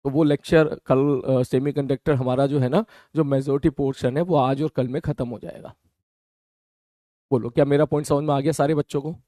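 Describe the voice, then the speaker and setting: A man teaching a live online physics class who has a mouth ulcer and talks slower than usual. He keeps asking his students whether his point is clear. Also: mid-range voice, fairly even intonation, mellow, dry recording, studio quality. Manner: addresses students as beta, checks understanding.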